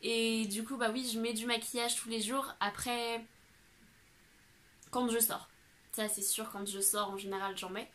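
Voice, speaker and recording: A young woman from France answers her viewers' questions in a loose, chatty vlog. Her voice is bright and a little high, and she fills her talk with small hesitations. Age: young adult. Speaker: vlogger. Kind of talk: casual Q&A vlog.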